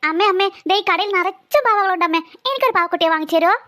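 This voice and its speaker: Performer doing pleading little cartoon girl, nagging, very high and bright. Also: racing, dry recording, studio quality. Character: little girl begging for a doll.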